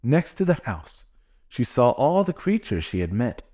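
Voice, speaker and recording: A man gently reading a children's storybook aloud in an expressive way. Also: mid-range voice, unhurried. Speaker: narrator.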